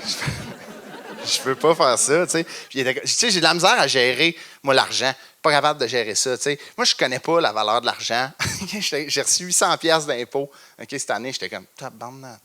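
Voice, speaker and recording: A man's voice: medium pitch, lively intonation, a little fast, sharp tone. A young man with a Québécois accent doing a stand-up comedy set on stage, self-mocking and chuckling between lines as he acts out little scenes. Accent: Québécois French.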